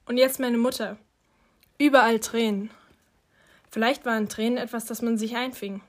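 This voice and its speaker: A woman narrating an audiobook in a calm, even manner. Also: fairly high pitch, normal speed. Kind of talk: audiobook reading.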